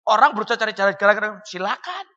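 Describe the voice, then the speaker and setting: A high, bright-toned man delivers a fiery sermon in a church, his words ringing through the long reverb of the hall. He addresses the congregation directly and swings from hushed asides to sudden shouts. The recording sounds a little dull. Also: animated, rapid-fire. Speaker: pastor.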